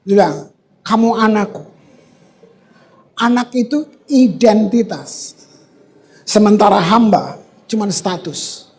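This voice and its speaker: A man preaching a sermon in a church, animated and conversational, mixing casual slang with scripture and breaking into sudden loud bursts. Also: sits high, slow pace, long pauses. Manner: casual street slang mixed with scripture reading. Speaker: pastor.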